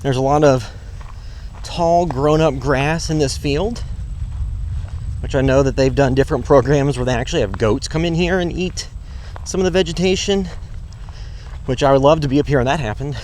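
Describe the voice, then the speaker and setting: A man's voice: medium pitch, moderate pace, pauses often, a little mellow. A man narrating casually and unscripted as he explores, in a hesitant, rambling, matter-of-fact way. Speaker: vlogger exploring a park. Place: outdoors in a park. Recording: clear outdoor ambient noise. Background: outdoor ambience, road noise.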